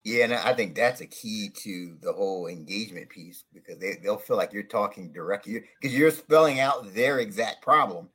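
Guy interviewer, kinda husky voice, keeps restarting and repeating himself, agreeable. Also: fairly low pitch, moderate pace, hardly any pauses, a bit bright. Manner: affirming, restarts often, repeats words. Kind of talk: interview questions.

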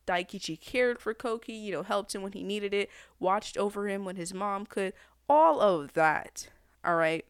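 A woman ranting about an anime in a sassy, exasperated way, with sudden loud outbursts. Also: medium pitch, moderate pace, smooth, no room sound, studio quality. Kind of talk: animated anime rant to camera.

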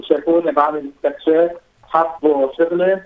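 A man with a Lebanese Levantine Arabic accent, chatting casually as an interview guest, haltingly repeating words and dropping in English ones. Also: a little high, fairly even intonation, soft background music. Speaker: comedian and actor, interview guest. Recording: thin phone-like radio sound.

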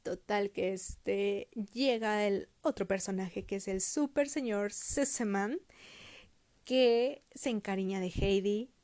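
A woman's voice: medium pitch, slow pace, dry recording. Chatty woman. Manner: chatty, expressive, many fillers. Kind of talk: casual storytelling, retelling a cartoon.

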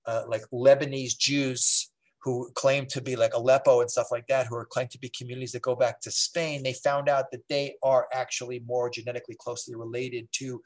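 A man, a rabbi, explaining history in a relaxed, digressive way, with many fillers and restarts. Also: mid-range voice, a little fast.

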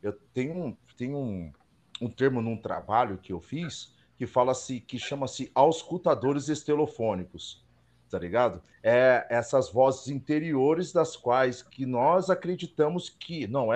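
A male podcast host in casual conversation, reflecting aloud and pausing to search for the right words. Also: medium pitch, expressive, darkish tone. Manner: reflective, searches for words, many short affirmations. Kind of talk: casual chat.

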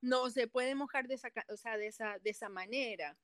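A woman's voice: fairly high pitch, fairly quick, a crowd in the background. A woman with in a casual interview, speaking hesitantly and searching for words. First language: not a native Spanish speaker. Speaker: interviewee, Airbnb host.

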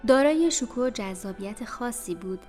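A woman narrating an audiobook in a measured, literary reading style. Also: fairly high pitch, expressive, a little mellow. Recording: reverberant room with faint music.

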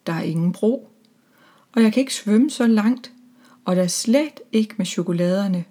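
A woman's voice: medium pitch, expressive, warm tone, natural voice. A woman voicing a dutiful, earnest male Easter hare in a children's storybook reading.

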